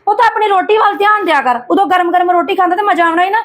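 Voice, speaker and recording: Woman acting as a nagging sharp-tongued mother, very high voice, rapid scolding, family drama.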